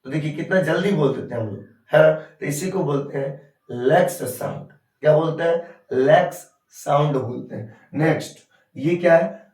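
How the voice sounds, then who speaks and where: A male English grammar teacher gives a classroom lesson, frequently asking a question and then answering it himself. His voice is on the high side, somewhat dark in tone, at a moderate pace. The recording sounds distant in an echoey room.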